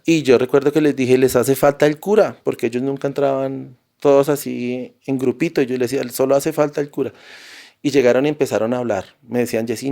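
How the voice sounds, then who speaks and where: A man's voice: mid-range voice, creaky, dark tone. A Colombian man, a podcast guest, tells a personal story in a vivid, intense way with frequent restarts. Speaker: interview guest.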